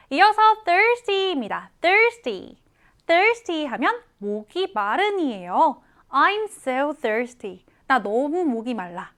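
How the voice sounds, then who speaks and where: A woman teaches English vocabulary, explaining each word slowly and clearly and repeating example readings. Her voice is high, pushed and bright.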